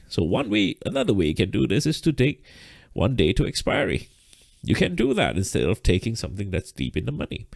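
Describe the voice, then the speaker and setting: A man's voice: low-pitched, gravelly, no echo, studio quality. A man teaching a live trading lesson, explaining step by step and checking in with "right?", short of breath. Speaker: trading instructor.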